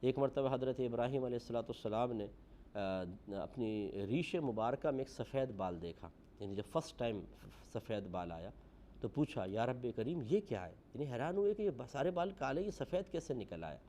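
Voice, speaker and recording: Male preacher, dark mellow tone, earnest moral lecture, faint hiss behind. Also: animated. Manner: earnest, moralizing, rises for emphasis then drops low. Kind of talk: religious lecture.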